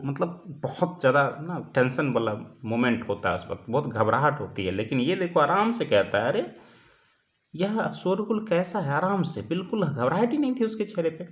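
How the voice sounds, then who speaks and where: A male teacher giving a lecture, explaining step by step, asking questions and answering them himself, and often checking in with his students. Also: mid-range voice. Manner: keeps checking in with the class. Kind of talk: classroom lecture explaining a text. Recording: dull lo-fi recording.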